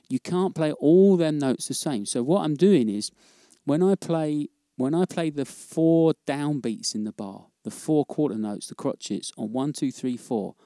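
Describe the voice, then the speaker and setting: A man teaching jazz drumming in a casual, relaxed way, often checking in with "okay?". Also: medium pitch, no room sound, studio quality. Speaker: drum teacher. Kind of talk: casual instructional demo.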